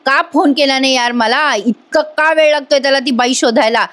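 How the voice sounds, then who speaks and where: A woman's voice: high-pitched, normal speed. A woman reading a bossy impatient male villain. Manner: shouting orders.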